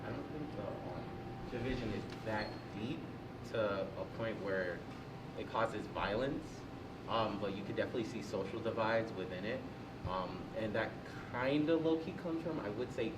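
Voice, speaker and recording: A young man with a fairly low voice talks thoughtfully on a student panel, pausing often with ums. He is picked up from a distance in an echoey room. Noise runs clearly underneath. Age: young adult. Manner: thoughtful, hesitant, many ums. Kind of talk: casual panel discussion.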